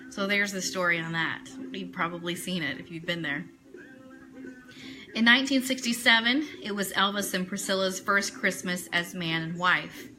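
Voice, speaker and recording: Live-streaming her online radio show, this American host mixes chatty talk with reading items out loud and names viewers as she greets them. The poor audio carries a sharp, mid-range voice.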